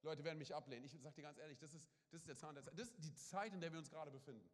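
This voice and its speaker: A male pastor preaching a lively sermon at a church service, peppering his talk with quick asides to the congregation. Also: a little high. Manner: lively, punctuates with "hey", "come on" and "oder?"; acts out little quoted scenes. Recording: reverberant church hall.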